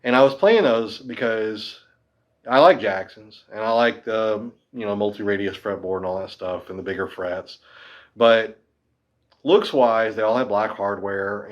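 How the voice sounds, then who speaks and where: A guitar teacher in his fifties chats casually to camera about guitars, rambling a bit and poking fun at himself. His voice is fairly low, and the recording sounds muffled.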